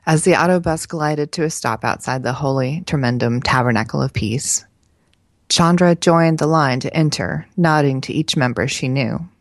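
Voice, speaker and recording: A woman podcast co-host reading a novel excerpt aloud with steady, even narration. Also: sits low, normal speed, no room sound.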